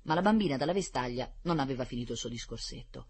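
A woman reading a children's story aloud, narrating expressively and dropping softer between the dialogue. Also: very deep voice, expressive, quick pace, slightly rough.

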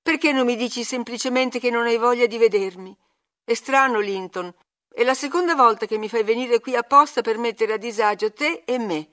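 A woman reading an audiobook, voicing an angry, proud young woman who speaks sharply and loudly. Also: mid-range voice, fairly even intonation, moderate pace, lightly acted. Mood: indignant. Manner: sharp, indignant, loud.

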